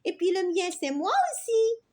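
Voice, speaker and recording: A woman's voice: very high-pitched, expressive, dark tone, pitched above the performer's own voice. A woman voicing a proud, easily offended bee in a children's storybook, with indignant outbursts. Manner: indignant, rapid outbursts with fillers. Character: touchy proud bee who scolds loudly.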